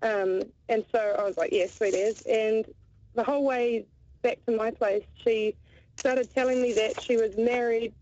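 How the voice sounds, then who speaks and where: Mellow hesitant New Zealand woman caller. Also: a little high, fairly even intonation, a little slow, lo-fi sound, a little hiss or hum. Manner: hesitant, many ums. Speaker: radio caller. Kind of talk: telling a story on a call-in. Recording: caller audio on a radio broadcast.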